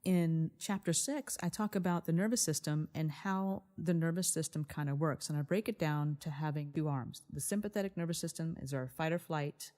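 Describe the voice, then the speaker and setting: A woman's voice: low-pitched, moderate pace, hardly any pauses, a little mellow. A woman co-hosting a wellness podcast, explaining things earnestly in a conversational style. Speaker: podcast co-host.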